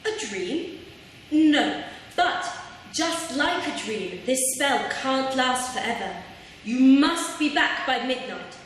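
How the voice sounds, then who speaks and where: Woman as a kindly fairy godmother in a panto, slow and swoopy, echoey hall, far from mic. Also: high voice, lively intonation, fairly bright tone, heavily acted. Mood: cautioning. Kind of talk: theatrical stage pantomime, partly rhyming. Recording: distant mic in echoey hall, faint noise.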